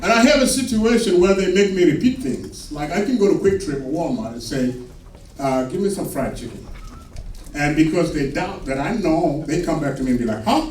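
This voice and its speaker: A man from Sudan with a Sudanese accent doing a stand-up comedy set on a club stage, delivering his punchlines slowly and deadpan. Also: on the high side, recorded from a distance, a little hiss or hum. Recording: echoey club recorded from afar with laughing crowd. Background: audience laughter.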